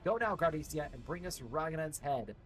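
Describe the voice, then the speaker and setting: Gravelly military officer, stern and commanding, put on by a man reading game lines. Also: on the high side, expressive, normal speed, fairly bright tone, soft background music, low-quality recording. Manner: reads game dialogue aloud in a commanding tone. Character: gravelly stern military lieutenant rallying troops.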